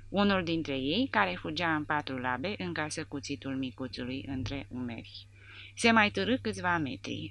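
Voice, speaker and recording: A woman narrating an audiobook in a measured, even reading. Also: deep voice, vocal fry.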